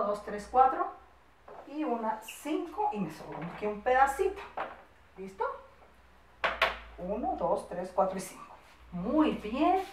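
A Colombian woman teaching young children in a lively, swooping singsong, high and expressive. She coos diminutives and drags out each word when dictating. Her voice sits back from the mic in an echoey room. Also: distant mic. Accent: Colombian Spanish. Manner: affectionate, singsong teacher talk with diminutives, slow spelled-out dictation. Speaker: primary school teacher. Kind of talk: recorded first-grade class for children.

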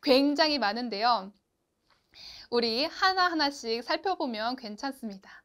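A woman with a high voice leads a beginners' Chinese pronunciation lesson. She talks slowly and patiently, sounding out each syllable and asking learners to repeat. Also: animated, a bit bright. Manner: slow, clear instruction with drawn-out model syllables; addresses learners directly and asks them to repeat. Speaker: Chinese language teacher. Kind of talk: online lesson.

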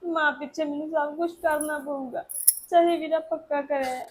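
A woman's voice: very high-pitched, fast, fairly bright tone. A young woman with a Punjabi accent playing a defiant daughter who pleads against a forced marriage in a short film drama. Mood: tearful. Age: young adult. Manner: pleading and defiant, often tearful. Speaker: daughter resisting arranged marriage.

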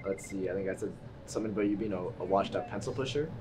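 A man's voice: low voice, rapid-fire, crowd noise, close to an everyday voice, low-quality recording. A teen boy playing a bored, cheeky schoolboy. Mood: dismissive. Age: teens. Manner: slouchy, dismissive and mumbling. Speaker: high school student. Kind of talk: student film acting. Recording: amateur school video with faint hiss.

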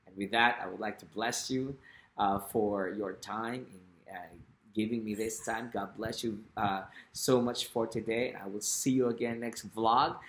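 Pastor, forties, male, slow and earnest, preaching to a laptop camera in a roomy living room. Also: fairly low pitch, fairly even intonation, fairly bright tone. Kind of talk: short vlog sermon. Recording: echoey home room.

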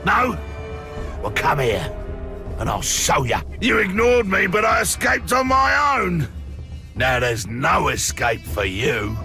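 Gravelly, sadistic orc villain. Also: male voice, on the high side, huge pitch swings, slow, over music, exaggerated voice. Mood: vengeful anger. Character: vengeful tortured male orc, sadistic and menacing.

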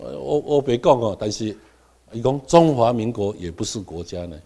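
A middle-aged Taiwanese man lectures a class in a mid-range, expressive voice with vocal fry, at normal speed. He mixes quiet asides with sudden loud stresses and has students repeat terms after him.

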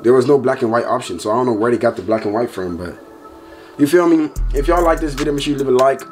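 Young dude doing a haul review, casual and slangy, swears a lot, voice goes all over the place, music under it. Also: male voice, mid-range voice, fast. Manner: animated, profane, slangy, voice jumps up when upset. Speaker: haul vlogger.

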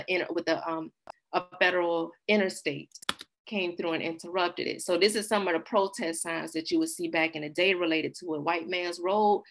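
A woman's voice: lowish voice, fairly bright tone. A woman giving a casual workshop talk with slides, telling stories and laughing now and then. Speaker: workshop presenter.

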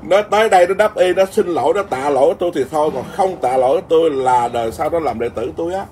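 A Buddhist monk, telling a story in an informal, rambling Dharma talk full of restarts. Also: male voice, a little high, animated, fast, darkish tone, a little hiss or hum. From Vietnam.

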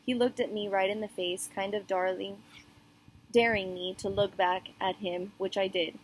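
A woman reading a children's novel aloud in an even, unhurried first-person voice. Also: mid-range voice, a little hiss or hum, poor audio. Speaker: audiobook reader.

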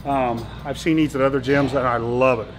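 A middle-aged man coaching a leg workout in a large indoor gym, counting reps loudly and urging his partners on, then calmly explaining the machines. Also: mid-range voice, a little fast. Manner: loud rep-counting encouragement. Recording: echoey gym with loud music.

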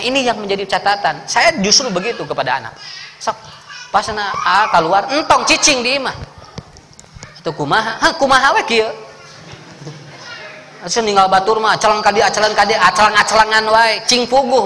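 A man with a Sundanese accent giving a lively, joking sermon, acting out the voices of the people in his stories. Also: high-pitched. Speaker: preacher. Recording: echoey hall with faint background noise.

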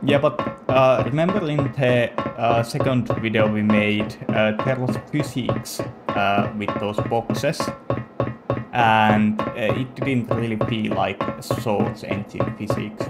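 A young man casually commentating a horror game he is playing, halting and full of fillers. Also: fairly low pitch, steady tone, loud music behind the voice. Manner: slow, hesitant, lots of filler. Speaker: game player, channel host.

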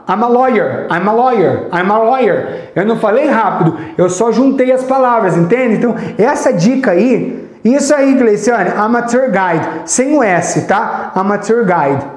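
A Brazilian man teaching English on a live stream, chatty and encouraging, slowly repeating example phrases. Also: sits high, roomy sound. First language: Portuguese. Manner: sings snippets of songs to teach. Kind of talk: live online English lesson.

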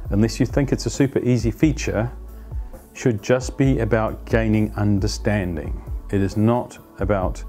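A man in his fifties explaining a team planning practice to camera as an agile coach, conversational and animated, on a lapel mic in a plain studio. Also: lowish voice. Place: plain studio against a light wall.

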